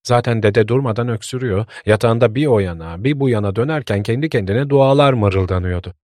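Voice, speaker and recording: A man narrating a story in a calm, measured storytelling voice. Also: medium pitch, no room sound, clean studio sound.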